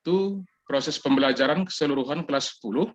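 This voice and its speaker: A man's voice: a little high, brisk, muffled recording. A man speaking politely and formally in an online meeting, his audio glitching and breaking up over the call. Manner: polite and formal, adds "Pak" often. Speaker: school representative asking questions in an online meeting.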